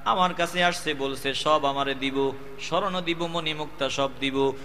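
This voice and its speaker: A man voicing a boastful poor male shepherd in a sermon story, in a low murmuring chant. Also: steady tone, measured pace, sharp tone.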